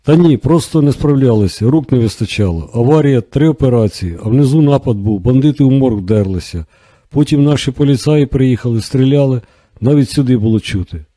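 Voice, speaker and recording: A man reading a tired, flustered female night-shift nurse in an audiobook, talking in quick anxious bursts. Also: mid-range voice, mellow, dry recording, lightly acted.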